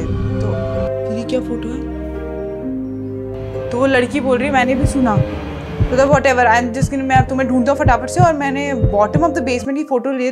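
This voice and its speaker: A young woman casually reading out a creepy text story and reacting to it, animated and mixing English phrases into her talk. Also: on the high side. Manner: animated, mixes English into chat, reacts with gasps and laughs. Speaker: YouTuber reading creepy texts. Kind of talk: casual storytelling read-aloud.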